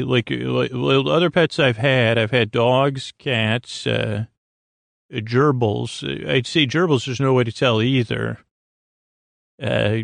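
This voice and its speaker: A man hosts a sleep podcast, his medium-pitched voice creaky as he delivers a rambling, whimsical bedtime monologue. He meanders between thoughts, hesitating, halting, and trailing off mid-sentence, in a very dry recording with no room around it.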